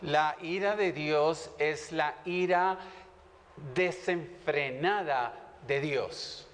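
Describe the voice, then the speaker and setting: A fairly high-voiced man interprets a lecture live, reading scripture aloud and repeating each point after the teacher. His voice carries a long reverb from a large hall. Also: very slow, a bit bright. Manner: reads aloud, then echoes the teacher phrase by phrase.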